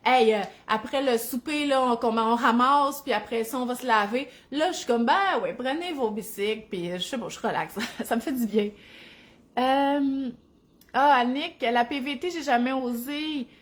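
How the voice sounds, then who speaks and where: Woman, Saguenay Quebec accent, casual vlog chat, a bit high voice, chatty and laughing easily. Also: moderate pace. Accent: Quebec French, Saguenay. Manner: chatty, warm-hearted, laughs easily, many fillers. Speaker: family lifestyle vlogger.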